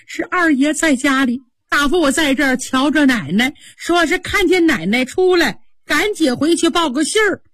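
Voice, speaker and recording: A woman storyteller voicing a frightened young servant girl, pleading in a high, trembling voice. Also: normal speed, few pauses, a bit bright, dry recording, clean studio sound.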